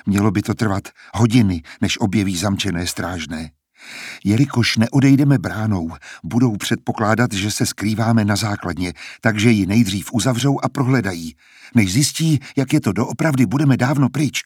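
A man's voice: fairly low pitch, a little mellow, breathy edge, dry recording, clean studio sound. A man voicing an earnest, determined young man who talks in an urgent, persuasive way, in a storybook reading.

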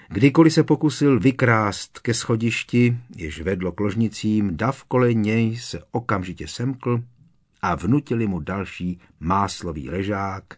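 A man narrating a fantasy audiobook in a measured storytelling manner. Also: deep voice, slightly rough. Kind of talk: scripted narration.

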